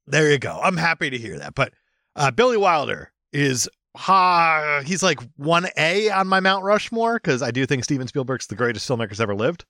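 Animated, high-pitched man bantering on a podcast. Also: moderate pace, dry recording, studio quality. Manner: swearing, hyperbolic fan enthusiasm. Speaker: podcast co-host. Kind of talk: casual, jokey movie podcast banter.

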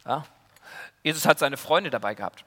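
A preacher telling a Bible story to children in a lively way, going from loud to hushed. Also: male voice, mid-range voice, moderate pace, long reverb tail, background noise. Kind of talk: sermon told as a children's story. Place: church.

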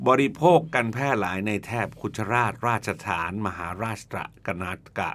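A middle-aged male lecturer hosting an educational radio talk, giving facts in short measured phrases. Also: on the low side. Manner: measured, reads facts in short phrases ending with a soft particle. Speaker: host, university lecturer. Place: radio studio. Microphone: studio microphone.

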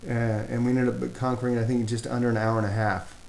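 A man's voice: medium pitch, level tone, quick pace, creaky, a little mellow. A middle-aged man hosting a casual podcast, rambling with many fillers and restarts. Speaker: podcast host. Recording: echoey room, faint background noise.

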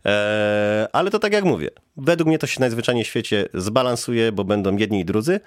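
Male podcast guest, lowish voice, hesitant and reflective, dry sound. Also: expressive, fairly quick, no room sound. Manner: thoughtful, hesitant with many fillers. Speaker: guest, head of DevOps. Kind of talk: podcast interview answers.

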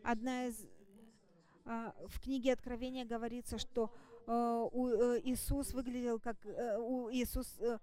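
A woman delivering a church sermon in short, halting phrases, exhorting the congregation as an interpreter would. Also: on the high side, flat delivery, mellow. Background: music.

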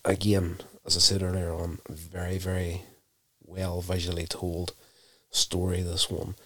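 A man casually recapping a TV episode, telling it in an unhurried, self-correcting way. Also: low-pitched, completely flat delivery, fairly bright tone.

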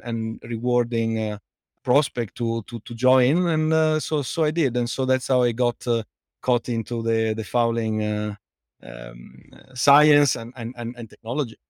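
Interviewed as a guest, this fouling researcher and co-founder of a company is a middle-aged man from Italy who speaks with an Italian accent. He hesitates a lot, full of fillers and restarts, in a mid-range voice with a darkish, clean tone, recorded in a clean studio with no room sound.

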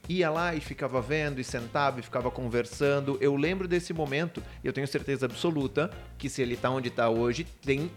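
Male podcast host, mid pitch, casual and hesitant in his phrasing. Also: a little fast, few pauses, soft background music. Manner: hesitant, with many restarts and warm agreement. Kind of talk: casual interview chat.

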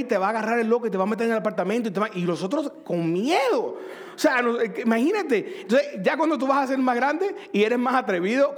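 A middle-aged Cuban pastor with a very high voice delivers a sermon conversationally, posing questions to the congregation and joking with them.

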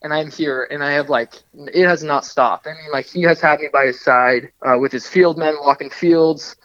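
A young man from the Pacific Northwest spins a chatty, rambling story as a radio guest, full of restarts and asides. His voice sits a bit high for a man. The sound is slightly dull and dry, with little room around it. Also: moderate pace, fairly bright tone, dry recording. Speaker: guest, documentary photographer. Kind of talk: casual radio interview storytelling.

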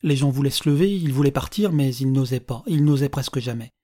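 A narrator reading a story aloud in a calm, measured audiobook style. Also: medium pitch.

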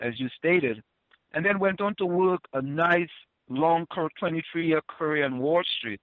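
A man in his sixties from Trinidad and Tobago, once a Wall Street compliance officer, speaks as a guest in a casual interview over a dry phone line. His voice is fairly high and his pace normal, and he talks earnestly, often repeating words when he restarts.

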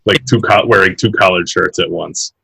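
A man's voice: sits low, moderate pace, gravelly, pushed and bright, breathy edge, no echo, low-quality recording. A man in his late thirties chatting on a podcast, hesitant and full of restarts. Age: 30s. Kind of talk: casual chat.

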